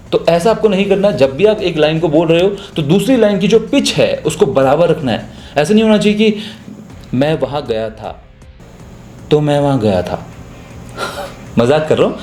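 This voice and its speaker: A man's voice: high-pitched, mellow, reverberant. A young man with a Hindi accent, teaching voiceover in a casual, chatty spoken tutorial. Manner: chatty, explains with spoken examples.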